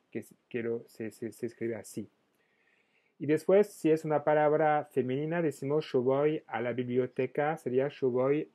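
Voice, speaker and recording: A man's voice: mid-range voice, phone-quality sound. A man teaching French vocabulary, patiently repeating each example phrase.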